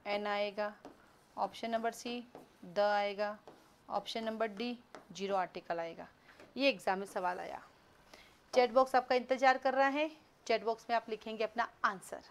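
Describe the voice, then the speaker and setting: Brisk woman teaching an online class. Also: a little high, a little hiss or hum. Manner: quizzing students, brisk and scolding; mixes Hindi with English words.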